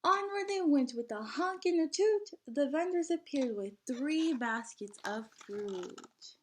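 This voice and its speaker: Pausing to quiz her young audience, a woman reads a picture book aloud in an expressive, teacherly style. Her voice is high-pitched, and the recording has a little hiss or hum.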